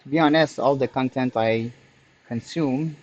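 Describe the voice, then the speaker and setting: A medium-pitched, unhurried French-Canadian from Quebec, a native French speaker, chats his way through a live hands-on repair tutorial he hosts and performs, often searching for words. The recording is lo-fi with no echo.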